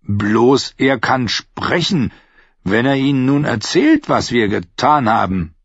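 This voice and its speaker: A man voicing a spiteful, mocking man who taunts the others in a high, jeering voice. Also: big pitch swings, slow pace, breathy edge, no room sound, full character voice. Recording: dull, muffled audio.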